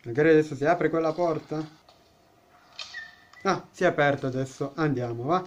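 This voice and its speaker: A man's voice: on the high side, normal speed, lo-fi sound. A man giving let's-play commentary on a horror game as a gaming YouTuber, joking, chatting with the game characters and blurting out startled exclamations.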